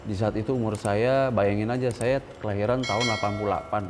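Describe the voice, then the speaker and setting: A man's voice: lowish voice, steady tone, fast, over music. A man in his thirties speaking candidly as an interview guest, earnest and dropping English words into his speech. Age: 30s. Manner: earnest, mixes English words, stressed rises when quoting others.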